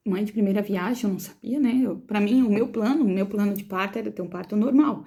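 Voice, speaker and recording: Brazilian mom telling her birth story, halting, repeats herself, bit of vocal fry. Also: mid-range voice, warm tone. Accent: Brazilian Portuguese. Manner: emotional, halting, repeats words. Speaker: mother of a premature baby. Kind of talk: personal testimony vlog.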